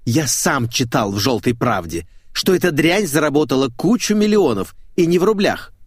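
A man's voice: a little high, very animated, normal speed, breathy edge, dry recording, clean studio sound, voice pushed up. A man voicing a vain, envious male literary critic who boasts and rants in an audiobook. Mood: envious ranting. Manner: indignant, boastful.

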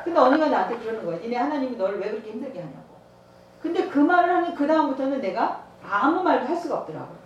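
Woman preacher, lively storyteller who acts out dialogue, higher voice, echoey hall, heard from a distance. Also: very fast, lo-fi sound, slight background noise. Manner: storytelling, acting out dialogue, laughing often. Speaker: evangelism trainer. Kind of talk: sermon with personal testimony. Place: church.

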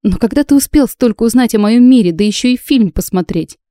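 A woman voicing a sharp-tongued, stubborn young heroine in an audiobook, her retorts indignant and sarcastic. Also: a little high, expressive, a little fast, no echo, clean studio sound, voice pushed up, lightly acted.

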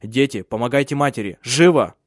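Steady husband n dad, commanding, mid low voice, dry close sound, man reading. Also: normal speed, no echo, natural voice. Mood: urgent. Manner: firm, commanding. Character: steady protective husband and father.

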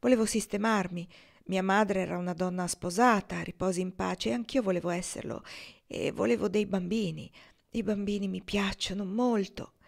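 A woman reading the part of a proud, guarded young woman, blunt and defiant, turning tearful and hushed. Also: medium pitch, steady tone, moderate pace, vocal fry, close to an everyday voice.

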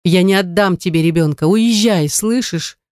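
A woman's voice: sits low, steady tone, unhurried, dark tone, dry recording, studio quality. A reader voicing a frightened young woman who is defensive and defiant, in an audiobook. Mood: frantic. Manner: pleading, defiant. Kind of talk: audiobook narration.

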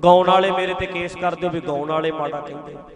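A man's voice: a little high, steady tone, fast. A man preaching from a stage to a congregation, earnest and pleading, repeating his phrases for emphasis. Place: outdoor religious gathering stage. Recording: crowd noise from a large gathering.

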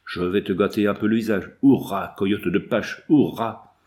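Male narrator doing a grizzled old trapper in an audiobook, gruff, vengeful, coarse backwoods talk. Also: lowish voice, level tone, fast talker, a little mellow, close to an everyday voice.

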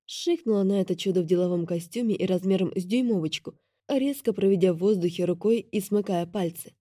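A woman narrating a first-person novel, lively and ironic in tone. Her voice is mellow and warm, recorded close in a dry space. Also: mid-range voice, fairly quick, no room sound. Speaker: audiobook reader.

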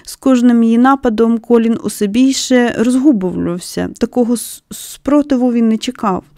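A woman narrating a children's novel in an expressive, lively reading. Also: a little high, moderate pace, no room sound, clean studio sound. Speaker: audiobook narrator. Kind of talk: storybook narration.

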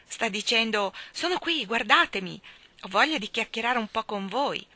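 Woman voicing a friendly country lad, soft and warm, bright tone. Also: fairly high pitch, animated, normal speed, dry recording, pitched above the performer's own voice. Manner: warm, friendly, hushed at times. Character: cheerful country boy who talks to animals.

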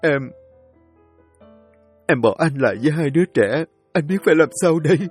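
A man's voice: medium pitch, moderate pace, darkish tone, soft background music, natural voice. A man voicing a grief-stricken young husband who pleads tearfully with his dying wife. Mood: sobbing desperate. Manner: sobbing, pleading, voice breaking.

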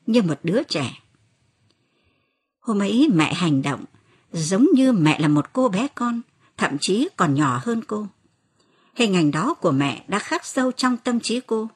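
A woman narrating an audiobook novel in an expressive reading voice. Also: mid-range voice, unhurried, pauses often, husky. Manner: expressive reading, lifts her voice for quoted cries.

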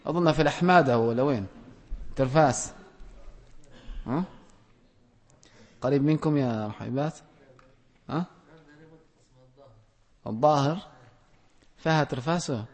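A man reads out audience questions and answers them one by one as a religious scholar, giving plain, direct rulings and gentle admonishment. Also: medium pitch, unhurried, long pauses. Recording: long reverb from a large hall.

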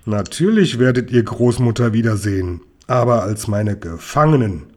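A man reading a storybook aloud and voicing a gruff, bossy male robber who barks orders, with a husky voice. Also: lowish voice, animated, normal speed, darkish tone. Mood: sly. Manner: barking orders, mocking.

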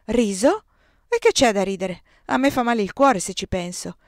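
A woman's voice: mid-range voice, brisk, no echo, clean studio sound, lightly acted. A woman reading aloud as an earnest, anxious young princess.

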